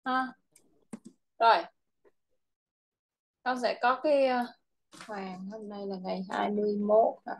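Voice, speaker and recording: A woman with a Vietnamese accent tutoring a child in English online, patient and repeating words slowly. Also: mid-range voice.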